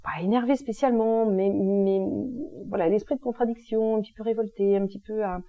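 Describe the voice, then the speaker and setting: A woman's voice: mid-range voice, steady tone, brisk, narrow, tinny audio. A woman explaining astrology in a casual, chatty monologue, using informal slangy expressions. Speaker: energy healing and astrology presenter.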